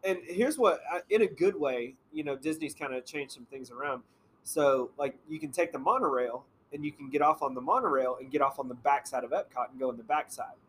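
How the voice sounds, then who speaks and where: A man's voice: fairly high pitch, fairly quick, a bit bright, a little hiss or hum, poor audio. A man chatting casually with friends, rambling with many fillers. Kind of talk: casual chat.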